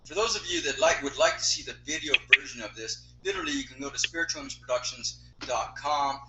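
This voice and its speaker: A man hosting a live call-in show over a speakerphone, halting and often repeating his words as he restarts. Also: a little high, wildly swooping pitch, creaky. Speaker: host. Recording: roomy speakerphone echo, faint hiss.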